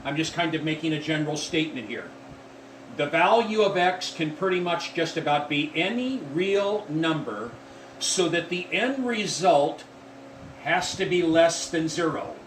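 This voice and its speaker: A man's voice: on the high side, animated, fairly bright tone. Man lecturing math in an echoey room. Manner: deliberate, repeats key points, addresses students as folks. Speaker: math teacher. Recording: echoey room from far off with faint noise.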